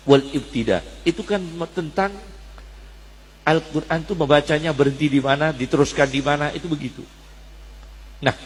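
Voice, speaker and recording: A man's voice: on the high side, husky, in a large hall, rough recording. A man preaching a sermon emphatically, asking rhetorical questions and quoting Arabic scripture.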